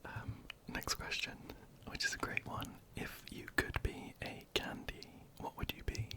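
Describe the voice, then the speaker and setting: An ASMR creator, whispering softly and hesitantly while answering viewer questions into a close microphone. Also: a little slow. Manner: soft, hesitant, many ums and restarts.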